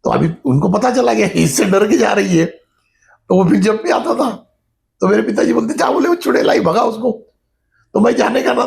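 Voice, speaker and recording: Middle-aged guy with a real gravelly voice, kinda high for a man, chatting about spirits, keeps saying "you know". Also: darkish tone. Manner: conversational, repeats the filler "jo hai na" often. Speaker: spiritual teacher. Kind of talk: casual spiritual talk with storytelling.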